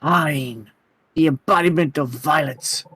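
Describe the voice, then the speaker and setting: A grave, ancient bird deity acted out by a man from a video game, pitched a little high for a male voice. It speaks in stately, cryptic pronouncements with formal phrasing, recorded close and dry. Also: slow, a bit bright, slightly rough, no echo, heavily acted. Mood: grave, ominous. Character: solemn, cryptic godlike giant bird, grave and philosophical. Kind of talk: reading video game dialogue aloud.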